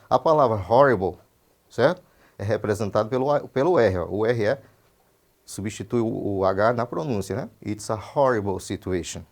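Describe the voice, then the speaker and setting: A Brazilian male English teacher giving a broadcast lesson. He explains quickly in Portuguese, says the English examples slowly and carefully, and often checks in with "certo?". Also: medium pitch, darkish tone. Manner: switches between quick explanation and slow, deliberate English examples; checks understanding with frequent "certo?".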